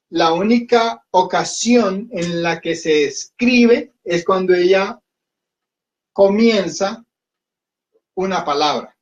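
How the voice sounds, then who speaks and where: A man teaching a class at a whiteboard, patiently repeating himself and often checking that his students follow. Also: high voice. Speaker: Hindi teacher. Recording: dull lo-fi recording.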